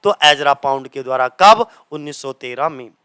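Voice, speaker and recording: A man teaching English literature for exams, asking his students the same question again and again and reading English passages out slowly. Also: mid-range voice, expressive, sharp tone, clean tone, no echo, low-quality recording. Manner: repeats key answers as quiz questions to students; mixes Hindi and English, reads English passages slowly. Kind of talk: exam-prep lecture.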